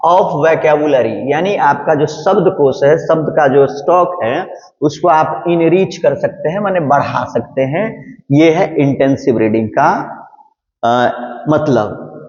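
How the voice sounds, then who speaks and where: A male teacher giving an exam-prep lecture, explaining step by step and reading English phrases slowly. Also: on the high side, darkish tone. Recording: echoey room, dull lo-fi sound.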